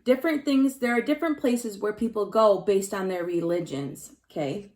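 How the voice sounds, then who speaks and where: This teacher's voice sits in the middle range with a darkish tone, moving at a normal speed. She shares a picture book with a class of little ones, breaking off for plain explanations and direct questions to the kids while leaning on important words.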